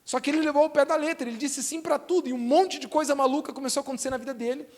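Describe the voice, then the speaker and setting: A man with a Brazilian Portuguese accent preaching a sermon in a church, with animated, repetitive, emphatic storytelling. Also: very high-pitched, racing. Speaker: pastor. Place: church hall. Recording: reverberant church hall.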